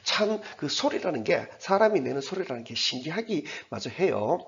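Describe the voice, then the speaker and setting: A man teaching English, going through an exam passage in a chatty way and reading the English words slowly. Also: fairly high pitch, big pitch swings, gravelly, fairly bright tone, muffled recording. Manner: chatty, repeats himself, reads English slowly word by word.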